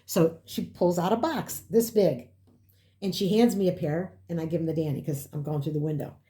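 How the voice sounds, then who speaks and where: This is an older woman in casual conversation, spinning a family story. She acts out the other people's lines as she goes, with a voice that sits a bit low. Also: normal speed. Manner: animated storyteller, acts out quotes. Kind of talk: casual chat.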